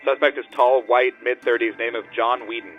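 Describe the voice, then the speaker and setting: A man's voice: medium pitch, fairly even intonation, a little fast, soft background music, voice pushed up. A man voicing a male police chief calling out a pursuit over a police radio, clipped and urgent. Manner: clipped dispatch delivery. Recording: tinny radio transmission.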